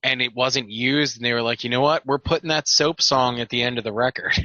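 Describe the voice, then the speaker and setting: A man's voice: medium pitch, steady tone, a little fast, bright, forceful tone, no room sound. A man co-hosting a casual album review podcast, agreeable and steering the talk with questions. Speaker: podcast co-host. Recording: dry, dull lo-fi mic.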